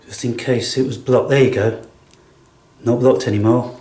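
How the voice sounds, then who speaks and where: A man looking after a pet chats to it in a casual murmur, coaxing and blokey, using the word "mate", while he films a feeding at home. His mid-range voice is mellow and steady at a normal speed, recorded in an echoey room with faint noise and clicks.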